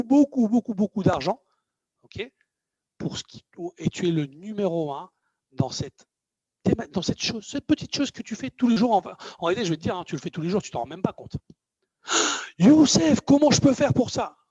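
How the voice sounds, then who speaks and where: A man's voice: high-pitched, a little mellow, no room sound, muffled recording. A man giving a live motivational talk to an audience, emphatic and repetitive, with many fillers. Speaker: motivational speaker.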